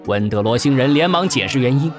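Animated male audiobook narrator. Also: medium pitch, fast talker. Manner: animated, theatrical. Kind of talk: dramatic story narration. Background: faint background music.

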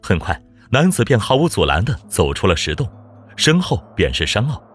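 Husky, expressive male storyteller. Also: lowish voice, moderate pace, faint music behind. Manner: expressive, dramatic reading. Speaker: audiobook narrator. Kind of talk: storytelling narration of a martial fantasy novel.

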